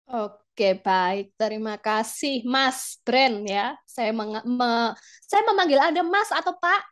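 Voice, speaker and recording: An Indonesian woman hosts a conversational interview. Her voice is on the high side and her pace is slow, with a polite way of putting questions. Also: expressive. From Malang, Indonesia. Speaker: podcast host.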